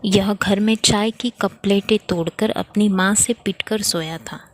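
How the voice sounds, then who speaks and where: A woman voicing a female sleep fairy who lists complaints about a child, read slowly. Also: medium pitch, fairly even intonation, close to an everyday voice. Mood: complaining. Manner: tattling, complaining.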